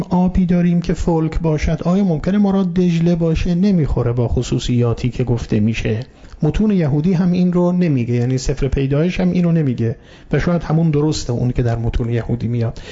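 A man gives a sermon in a dark, mellow voice, explaining patiently and turning to his listeners with polite address. Now and then he recites Arabic verses. The recording is dull and lo-fi. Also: fairly high pitch. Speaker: preacher. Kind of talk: sermon on Quranic story. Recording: muffled lo-fi recording.

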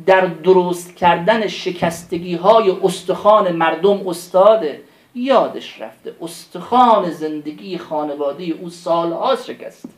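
A man's voice: high-pitched, voice pushed down, lightly acted. A bitter, hurt teenage boy, as a preacher quotes him. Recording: roomy echo.

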